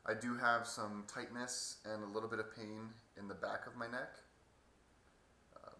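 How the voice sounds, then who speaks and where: A man giving a halting, hesitant casual video update with a sore throat two days after surgery. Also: fairly low pitch, flat delivery, bright, forceful tone. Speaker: patient vlogger. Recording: echoey room, faint background noise.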